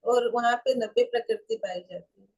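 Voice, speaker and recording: A woman's voice: on the high side, normal speed, darkish tone. A woman student reciting answers carefully to her teacher.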